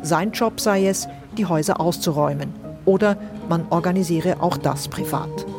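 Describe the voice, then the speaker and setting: A woman reporter reading a scripted radio news report in a measured, dryly commenting manner. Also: lowish voice, music in the background.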